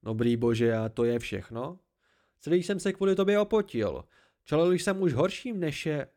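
A man voicing a patient innkeeper storyteller who speaks lower and mildly, soothing a distraught friend, in an amateur audiobook. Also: animated, darkish tone, natural voice. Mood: calm. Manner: low, mild, soothing. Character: calm older innkeeper storyteller, patient, gentle.

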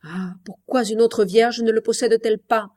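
Woman reader doing passionate young man swearing a vow; vehement, mellow storybook delivery. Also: sits high, moderate pace, pitched above the performer's own voice, natural voice. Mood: fervent. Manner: fervent, vehement. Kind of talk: audiobook reading.

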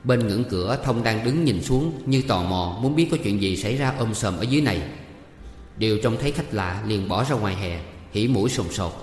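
A man reading a novel aloud as a steady storyteller. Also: fairly low pitch, brisk. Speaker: audiobook narrator. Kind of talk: scripted narration of a novel. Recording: echoey room with long reverb.

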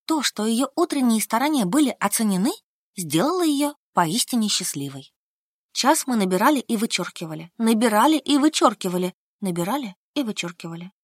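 Lively woman reading a story aloud. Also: on the high side, a little fast, slightly rough, no room sound. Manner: lively storytelling with acted dialogue. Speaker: audiobook narrator. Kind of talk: scripted first-person narration. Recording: dry close recording.

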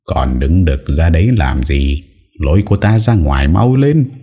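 A man's voice: extremely low pitch, big pitch swings, slow, dark tone, breathy edge, heavily acted. A man voicing a young lord who gives harsh, cold orders. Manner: harsh, commanding.

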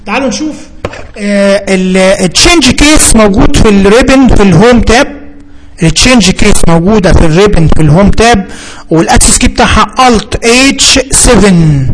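An Egyptian man leads a computer lesson in a high, light voice. He explains each step slowly, repeats key terms and fills pauses with hesitant sounds. A faint hiss sits behind him. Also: animated, low-quality recording. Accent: Egyptian Arabic. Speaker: computer instructor. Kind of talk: spoken software tutorial.

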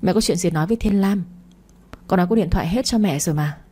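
A woman voicing a gruff older man who speaks curtly but with care. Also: lowish voice, quick pace, warm tone. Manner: curt.

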